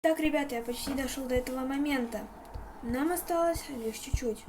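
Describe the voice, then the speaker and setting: A woman's voice: high-pitched, fairly quick. A woman hosting a gaming video, giving casual commentary and muttering as she thinks aloud. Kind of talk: casual horror game commentary. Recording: clearly noisy recording with game ambience.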